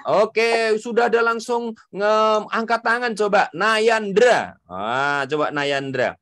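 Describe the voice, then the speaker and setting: Slow, playful male teacher for kids. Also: sits high, lively intonation, a bit bright, dry recording, studio quality. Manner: slow, enunciating, playful and encouraging. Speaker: children's religious teacher. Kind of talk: children's lesson.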